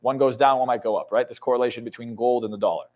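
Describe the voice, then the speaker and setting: In rapid-fire bursts, a twenty-something coach and motivational speaker talks through a podcast interview in a studio lounge, emphatic and intense, cursing often as he builds to excited peaks. His voice is mid-range and the recording sounds muffled.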